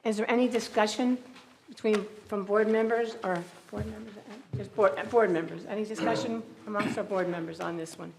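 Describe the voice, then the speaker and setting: A woman's voice: medium pitch, fairly even intonation, fairly quick, noisy background. A woman presiding over a public school board meeting, reading a formal resolution and calling for motions, with small restarts and fillers. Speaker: board of education presiding officer.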